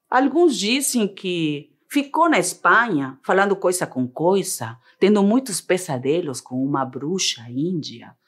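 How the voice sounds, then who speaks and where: A middle-aged woman from Peru, telling a tale with deliberate, rhythmic, theatrical phrasing. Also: sits low, slightly rough. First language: Spanish. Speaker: storyteller. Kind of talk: dramatic oral storytelling.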